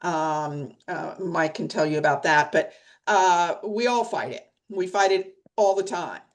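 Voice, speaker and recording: A woman's voice: fairly low pitch, measured pace. A middle-aged woman leading a press association, talking bluntly and emphatically in a webinar discussion over a video call. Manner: blunt, plain-spoken, emphatic.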